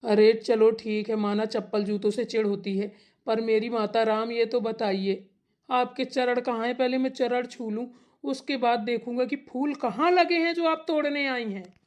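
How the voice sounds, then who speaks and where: Woman doing a cartoon son, high voice, calm and a bit cheeky. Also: moderate pace, close to an everyday voice. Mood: reasoning. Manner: calm reasoning, gently teasing. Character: grown village son, patient and teasing. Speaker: cartoon character voice. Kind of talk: cartoon voice acting.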